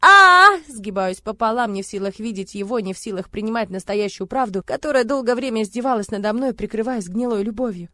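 A woman's voice: medium pitch, quick pace, few pauses, darkish tone. A woman giving an intense, dramatic first-person narration of a story. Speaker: audiobook reader.

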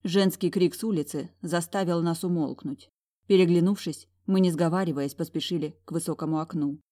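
A woman narrates a fantasy audiobook in the first person. Her reading is measured and expressive. Her voice sits fairly low. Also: dry recording, studio quality.

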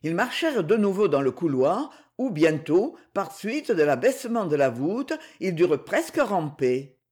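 Expressive male audiobook narrator. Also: sits high, measured pace, husky. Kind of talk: scripted narration of an adventure novel.

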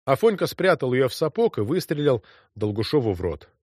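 A man's voice: medium pitch, big pitch swings, fairly quick, darkish tone, husky, no room sound, clean studio sound. A man reading an audiobook story with vivid, dramatic narration.

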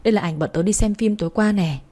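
A woman's voice: mid-range voice, fast talker, dark tone, lightly acted. A woman reading the part of a chatty, boastful young woman student in an audiobook.

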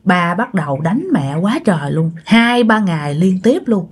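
A woman's voice: fairly low pitch, animated, unhurried, husky. A woman telling a ghost story casually, talking straight to her listeners. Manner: chatty, addresses listeners directly.

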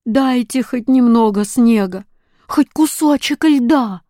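A woman voicing a tearful little boy suffering from heat, whining slowly in an audiobook story. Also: fairly high pitch, dark tone, no room sound, clean studio sound. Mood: crying. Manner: slow, drawn-out whining.

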